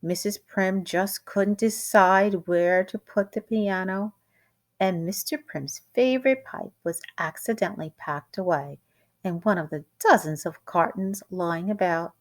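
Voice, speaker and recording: A woman with a mid-range voice reads a children's picture book out loud in a teacherly manner. Her storytelling is expressive, dramatic and deliberate.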